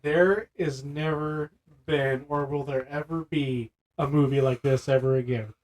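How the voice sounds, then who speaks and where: A man co-hosting a casual podcast chat, retelling film scenes in an animated way and using "like" often. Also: fairly high pitch, measured pace, rough recording. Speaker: podcast co-host.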